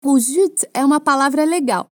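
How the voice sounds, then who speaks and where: High-voiced Brazilian woman teaching French. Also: moderate pace, dry recording, clean studio sound. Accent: Brazilian Portuguese. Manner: clear, patient teaching with playful asides. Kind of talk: language lesson for Portuguese speakers.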